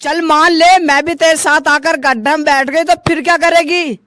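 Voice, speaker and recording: A man's voice: very high voice, steady tone, moderate pace, sharp tone, no room sound, studio quality. A man voicing a sly, teasing older woman who plays a mother-in-law in a comic sketch. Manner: teasing, goading.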